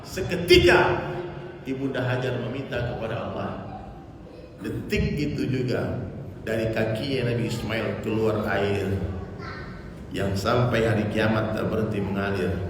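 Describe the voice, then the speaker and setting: A man's voice: fairly low pitch, measured pace, long pauses, background noise. A man preaching a sermon to a gathering, emphatic and full of repeated rhetorical questions. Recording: echoey hall, live sermon.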